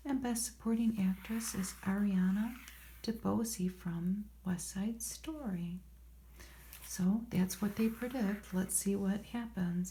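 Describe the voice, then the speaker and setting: A woman speaking in a soft, hushed, often whispered ASMR voice, reading from a magazine with unhurried, murmured, rambling asides to herself. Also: medium pitch. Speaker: ASMR host. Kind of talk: soft-spoken ASMR magazine read-through with casual commentary.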